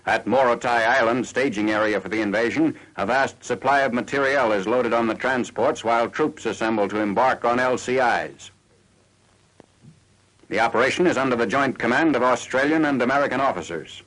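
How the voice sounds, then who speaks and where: A man's voice: medium pitch, a little fast, a bit bright, poor audio. A man reads scripted military newsreel narration in a formal, matter-of-fact 1940s style, on an old film soundtrack.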